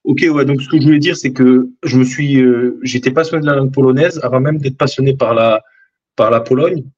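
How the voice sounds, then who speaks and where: Joining a video call as a guest, a man talks in a casual chat, his mid-range, darkish voice coming through dull and lo-fi. His intonation stays fairly even and his pace is a little fast, but he hesitates a lot, filling gaps and restarting sentences.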